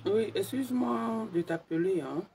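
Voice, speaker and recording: A woman hosting a casual live stream on her phone, talking quietly and in a hushed way. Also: medium pitch, lively intonation, normal speed, creaky, a little hiss or hum.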